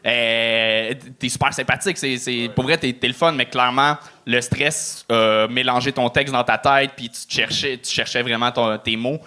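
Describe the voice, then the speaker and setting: A man's voice: mid-range voice, fairly even intonation, normal speed, hardly any pauses, pushed and bright, clear, resonant tone. A Quebec French man hosting a live comedy show, jokey and encouraging toward a contestant. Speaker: show host. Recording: live crowd in the room.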